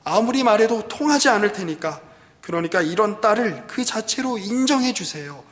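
Guy reading out a fed-up 30ish pastor's daughter, pleading, kinda high, big hall echo. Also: animated, normal speed. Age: 30s. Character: frustrated young woman, pastor's daughter. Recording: long hall reverb.

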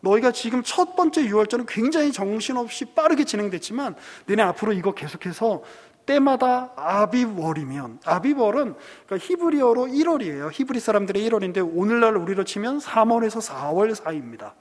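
A man's voice: high voice, very animated, a little fast, long reverb tail. A male pastor preaching a sermon, telling the story with acted quotes and light asides to the congregation.

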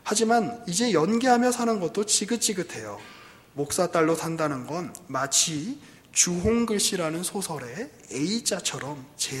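A man's voice: on the high side, pitched above the performer's own voice, lightly acted. A man voicing a frustrated thirty-year-old pastor's daughter, pleading and resentful, in a reverberant hall. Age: 30s.

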